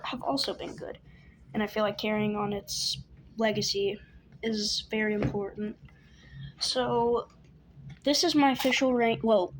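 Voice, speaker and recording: Young woman, casual vlogger, mid-pitched, rambling and restarting, light hiss behind. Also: low-quality recording. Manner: chatty, stumbling, lots of fillers and restarts. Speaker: video creator. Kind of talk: casual movie ranking vlog.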